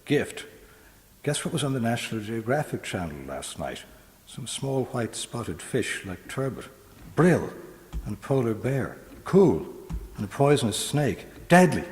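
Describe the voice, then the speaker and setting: A man's voice: mid-range voice, big pitch swings, unhurried, a little mellow. A man giving a poetry reading in the character of a chatty young girl on her mobile, with breezy, clipped exclamations. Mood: chatty, excited. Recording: echoey hall with long reverb.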